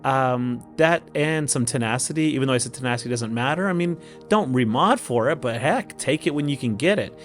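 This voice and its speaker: A man's voice: mid-range voice, animated, fairly quick, hardly any pauses. Man, Oklahoma Okie accent, casual gaming host, folksy self-talk, music behind the voice. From Oklahoma, United States. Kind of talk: casual game strategy commentary.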